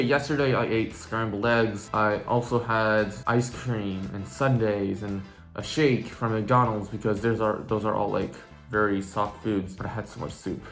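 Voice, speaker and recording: A young man recording a casual video diary, speaking cautiously with a stiff jaw and barely opening his mouth, as after tooth surgery. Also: lowish voice. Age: young adult. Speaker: vlogger.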